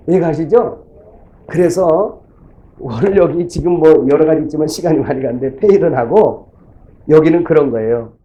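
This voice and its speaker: A man's voice: on the high side, warm tone, highs cut off. Folksy middle-aged male pastor preaching. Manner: folksy storytelling sermon, acting out church members' voices. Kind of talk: sermon.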